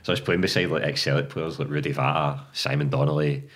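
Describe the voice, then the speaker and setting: A man's voice: extremely low pitch, fairly even intonation, fast talker, fairly bright tone. A young man with a Glaswegian Scottish accent, chatting casually as a guest writer and dropping "man" and "mate" constantly. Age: young adult. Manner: laid-back, says "man" and "mate" constantly. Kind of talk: casual podcast chat.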